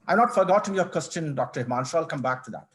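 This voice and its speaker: A middle-aged man from Kerala, a company managing director speaking as a guest in an online panel interview, measured and formal with frequent restarts. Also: fairly high pitch, lively intonation, fairly bright tone. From India, Kerala. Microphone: video call.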